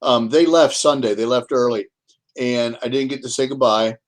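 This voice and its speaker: Rambling middle-pitched man telling stories. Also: fairly even intonation, moderate pace. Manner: rambling, repeats words and restarts. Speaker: author and guest. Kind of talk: casual storytelling chat. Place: home, Kansas City.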